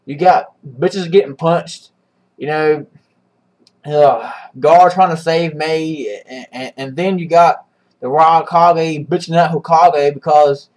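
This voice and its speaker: Man, casual comic recap, swears a lot, rambles, slightly higher voice. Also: steady tone, slow, poor audio. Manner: rambling, swearing, many restarts. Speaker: manga reviewer.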